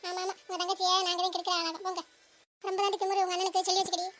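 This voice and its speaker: A woman voicing Meena, a sharp-tongued young wife, high and rapid. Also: flat delivery, a little hiss or hum. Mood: teasing. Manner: fast, teasing, talkative.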